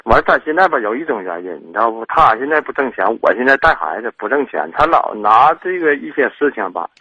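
A man's voice: mid-range voice, very animated, fast talker, slightly rough, dry recording. A middle-aged man from Liaoning with a Northeastern Chinese accent, calling in for advice and complaining in self-justifying fashion. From Liaoning, northeast China. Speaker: caller seeking advice. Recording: dull lo-fi call audio.

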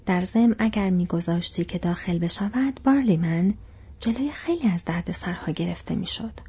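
A woman voicing a grave, knowing male ranger in a breathy whisper, as whispered role-play in a storybook reading. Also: on the low side, expressive, warm tone, highs cut off, heavily acted.

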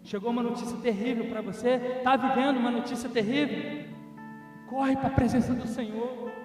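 A high-pitched man in his forties preaches with rising passion, dropping to a hush and then swelling loud. He is heard from a distance in a long, echoing hall. Instrumental music plays behind him. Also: steady tone, moderate pace. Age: 40s. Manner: impassioned preaching, swings from soft to loud. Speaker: pastor. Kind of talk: sermon.

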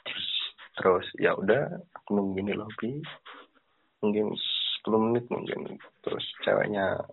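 A caller on a tinny phone line tells a casual story in a lowish, creaky, slightly rough voice with fairly even intonation and a moderate pace. Along the way he acts out the voices of the story's people.

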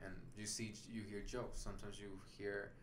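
A man from Puerto Rico talks in a casual, reflective way, stopping often on fillers and restarting his sentences. His voice is bright and forceful. The recording is roomy, with a faint hum of ambience behind him. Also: fairly low pitch, level tone, moderate pace. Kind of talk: casual conversation.

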